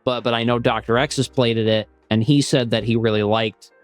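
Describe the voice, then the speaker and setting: A man hosts a casual podcast chat in an ordinary mid-pitched voice. He rambles and restarts his sentences, leaning on fillers as he thinks aloud. Faint music runs behind him. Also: steady tone, smooth. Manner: rambling, halting, many restarts and "like". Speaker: podcast host.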